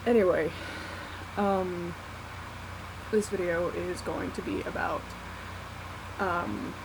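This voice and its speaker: A young adult vlogger speaking in a halting, candid, self-deprecating way in a casual unscripted confessional. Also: mid-range voice, fairly even intonation. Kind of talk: casual unscripted confessional vlog, one take. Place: small warm bedroom at night. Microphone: laptop built-in mic. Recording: laptop mic with loud fan noise. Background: whirring fan.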